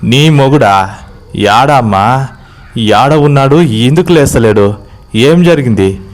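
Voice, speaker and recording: A man voicing a pushy village man with a Telangana accent who asks loud, urgent questions. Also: medium pitch, steady tone, moderate pace, close to an everyday voice. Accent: Telangana Telugu. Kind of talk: horror story voice acting.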